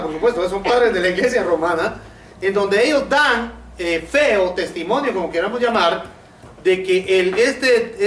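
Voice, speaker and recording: A man teaches a Bible study class in a high voice. He fills his speech with hesitations and keeps asking his listeners questions. He is recorded from a distance in a roomy space with a faint hiss behind him. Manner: many fillers and repeated rhetorical questions.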